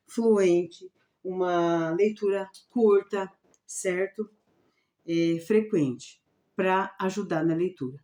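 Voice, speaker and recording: A woman teacher explaining her reading lesson plan for a student, often checking in with a quick question. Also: medium pitch, dark tone. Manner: repetitive, checks in with "certo?". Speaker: special education teacher.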